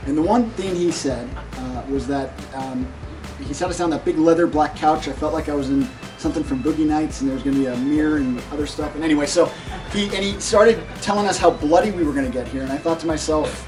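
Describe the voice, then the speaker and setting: A man speaks without a script at a graduation ceremony, emotional and halting, with frequent ums and pauses. His voice is a little high and picked up from some distance, with music playing clearly behind. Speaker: surgical resident giving a graduation tribute. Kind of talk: unscripted speech at a ceremony.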